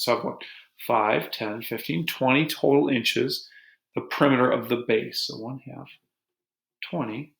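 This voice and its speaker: A man teaching a geometry lesson to his students in a relaxed, joking way, talking as he draws. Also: mid-range voice, gravelly. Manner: relaxed, joking, talks while drawing on a board. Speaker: math teacher. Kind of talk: recorded math lesson. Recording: echoey room.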